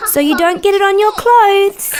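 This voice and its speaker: A woman voicing a cheerful young female dinosaur who gently presents to small children in a slow, sing-song, wonder-filled way. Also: very high-pitched, a crowd in the background. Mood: curious, enthusiastic. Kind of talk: children's show scripted narration.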